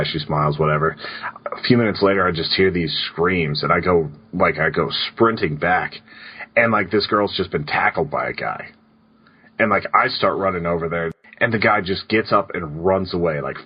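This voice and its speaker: Deep, husky man, podcast co-host, rambling storyteller, dull lo-fi audio. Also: moderate pace. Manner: loose storytelling with many "like"s. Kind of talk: casual podcast chat.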